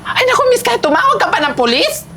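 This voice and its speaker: A woman's voice: extremely high pitch, very animated, quick pace, very noisy, full character voice. A woman playing an indignant homeowner who defends herself dramatically and with exasperation, in a short film. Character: indignant homeowner accused of being a mistress.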